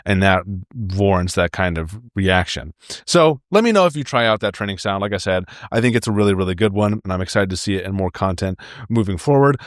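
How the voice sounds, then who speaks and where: A man's voice: low-pitched, animated, fairly quick, dry recording, studio quality. A young man hosting a solo podcast, giving friendly, upbeat advice straight to his listeners. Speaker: podcast host.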